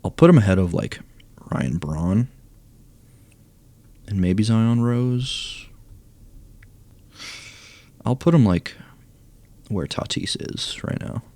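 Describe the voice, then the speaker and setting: Young male gamer, deep and hoarse, slow relaxed delivery, thinking aloud. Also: dry recording. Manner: low-key, thinking aloud, reading stats. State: losing his voice, hoarse. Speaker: gaming YouTuber ranking cards. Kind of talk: casual commentary.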